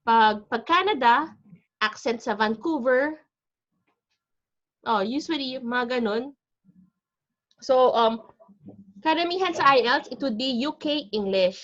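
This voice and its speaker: Filipino woman, teacher, chatty online lesson, mixes Tagalog and English, a touch high, muffled video-call sound. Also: fairly bright tone. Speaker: IELTS teacher. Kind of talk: online class lecture.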